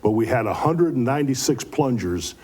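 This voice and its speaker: A man's voice: medium pitch, lively intonation, brisk, a little mellow. A man answering interview questions as a club event organizer, explaining things in a folksy, earnest way with repeated words.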